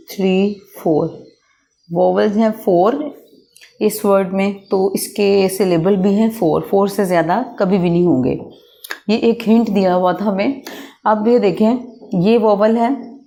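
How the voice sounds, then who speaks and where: A woman's voice: medium pitch, dark tone. A woman teacher with a Pakistani accent explaining a textbook lesson, reading each English line and then explaining it. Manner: slow, reads English lines then explains them.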